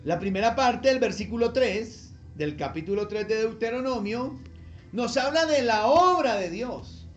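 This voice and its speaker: A male pastor preaching an animated sermon, leading the congregation to repeat after him and often asking short questions. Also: measured pace, highs cut off, soft background music. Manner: animated, swings from loud emphatic calls to low quiet asides; leads the congregation in call-and-repeat.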